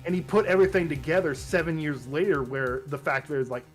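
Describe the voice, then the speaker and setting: A man's voice: on the high side, steady tone, fast, faint music behind, low-quality recording. A man talking casually as he comments on a video game he is playing. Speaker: let's player.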